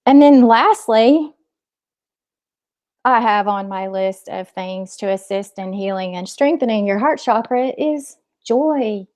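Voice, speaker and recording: A woman speaking as a spiritual coach, giving an informal healing talk in a gentle, hesitant way with frequent pauses. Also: a little high. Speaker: spiritual coach and energy healer.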